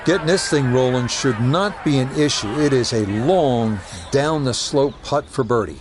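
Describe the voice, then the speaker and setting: A man's voice: medium pitch, normal speed, slight background noise. A man working as a golf commentator, calling shots and describing holes in a conversational, wry way. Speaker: golf commentator, lead announcer. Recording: music and crowd behind the voice. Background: music and outdoor crowd ambience.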